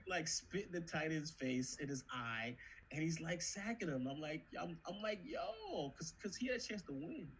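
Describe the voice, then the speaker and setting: A man talking in casual chat as a podcast guest, animated, repeating himself, swearing freely and laughing often. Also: a little high, moderate pace, slight background noise, rough recording. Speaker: guest on a gaming league podcast.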